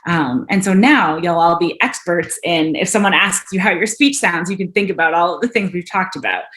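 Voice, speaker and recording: A woman speech-language pathologist explaining clinical speech tests in a webinar lecture, with a clear teacherly manner and frequent ums. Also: on the low side, normal speed, a bit bright.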